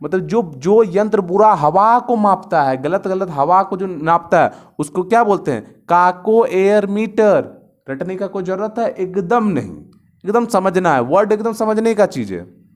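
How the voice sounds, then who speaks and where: A man's voice: high voice, animated, measured pace. A man. He spells words out letter by letter and keeps asking and answering his own questions. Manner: repeats words and asks himself questions. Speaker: vocabulary teacher. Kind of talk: online vocabulary lesson.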